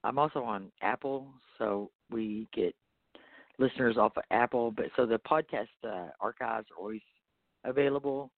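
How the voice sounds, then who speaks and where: A man's voice: mid-range voice, moderate pace, dry recording. A man hosting a podcast in casual, rambling chat, informal and often checking in with the listener. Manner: informal, often tags sentences with "you know". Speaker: podcast host. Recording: thin phone-like sound from makeshift setup.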